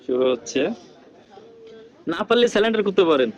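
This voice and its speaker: A man vlogging with a rural Bangladeshi Bengali accent, keeping his voice low and hushed as he talks to viewers during an eating challenge in a village. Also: sing-song, a little fast, a crowd in the background. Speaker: vlogger host. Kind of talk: casual vlog commentary. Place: village house outdoors.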